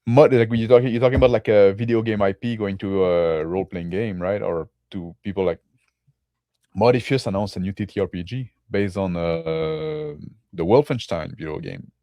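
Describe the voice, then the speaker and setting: Low-voiced man rambling about tabletop games. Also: normal speed, mellow, no room sound. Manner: rambling, many fillers and restarts. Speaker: podcast co-host.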